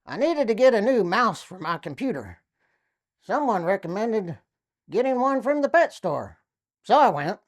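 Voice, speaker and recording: A woman's voice: medium pitch, normal speed. A woman comedian telling silly jokes and short stories, jumping into acted quotes. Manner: lively storytelling with acted quotes.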